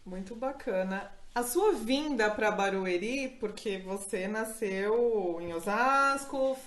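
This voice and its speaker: A woman's voice: mid-range voice, slow pace. A woman interviewer who asks her questions in an attentive, affirming manner. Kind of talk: casual interview. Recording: echoey room.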